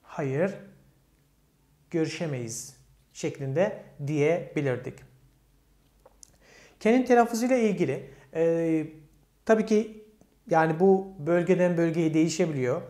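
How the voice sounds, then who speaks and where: In an echoey room, a man walks Turkish speakers through English grammar step by step, posing questions and answering them on his own. His voice is on the high side with a dark tone, and he speaks a little slowly with frequent pauses, giving the English examples a Turkish accent.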